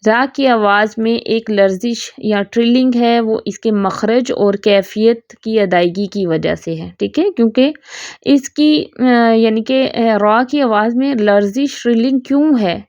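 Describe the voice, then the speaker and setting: A woman's voice: on the high side, darkish tone, dry recording, highs cut off. A woman teaching a Quran recitation lesson, explaining patiently and checking in often. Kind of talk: online tajweed lesson.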